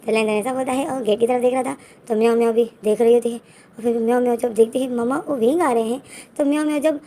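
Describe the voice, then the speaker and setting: A woman retells a romance fan story in a casual, chatty way, talking straight to her viewers. Her voice is fairly high but soft and mellow. She keeps an easy, enthusiastic flow. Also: steady tone, quick pace.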